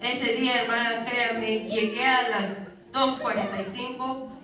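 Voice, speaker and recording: A woman's voice: fairly high pitch, steady tone, measured pace, crowd noise. A woman earnestly giving a religious testimony to a congregation, calling her listeners brother and sister. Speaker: church member giving testimony. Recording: very echoey hall, far from mic, faint music.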